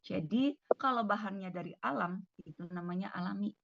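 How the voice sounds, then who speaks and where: Indonesian lady doctor telling stories on a zoom call, bit gravelly, dull lo-fi sound. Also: medium pitch, moderate pace, no echo. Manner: lively storyteller acting out dialogue. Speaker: doctor giving a talk. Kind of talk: storytelling talk on a video call. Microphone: video call. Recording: dull lo-fi video call audio.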